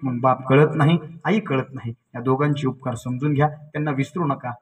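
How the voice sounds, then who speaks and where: A man giving an emotional public lecture, telling stories with sudden loud dramatic outbursts. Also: mid-range voice, steady tone, normal speed, far from the mic, poor audio. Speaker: public speaker.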